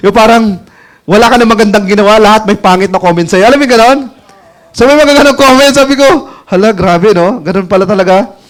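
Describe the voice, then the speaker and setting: Guy w a high voice telling a story to a crowd, laughs a lot, super chatty. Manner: chatty, laughs often, asks listeners "alam mo yung ganun?". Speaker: network marketing mentor telling a story. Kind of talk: casual storytelling talk to an audience. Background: audience laughing.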